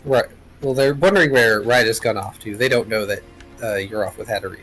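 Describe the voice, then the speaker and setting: A man's voice: fairly low pitch, brisk, a bit bright, poor audio. A man running a tabletop role-playing game, narrating and chatting casually as game master.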